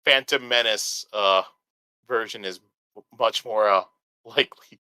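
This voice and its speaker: A man co-hosting a casual book-club podcast who talks in a relaxed way, hedging with fillers on a close mic. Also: on the low side, measured pace, clear, resonant tone, dry recording, poor audio. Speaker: podcast co-host.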